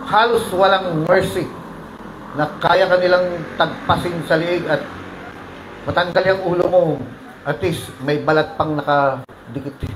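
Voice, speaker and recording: A pastor preaching a sermon, mixing English phrases into his talk, with sudden loud rises and soft drops. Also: high voice, echoey room, slight background noise, poor audio.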